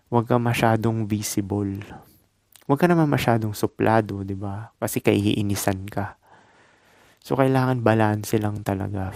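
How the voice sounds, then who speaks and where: A man from the Philippines talks through dating and confidence advice in a relaxed, instructive vlog monologue. His voice sits low with a gravelly edge. The sound is close and dry, with no room around it. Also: dry recording. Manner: laid-back, instructive, talks in short loose phrases with tag questions. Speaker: dating and self-improvement vlogger.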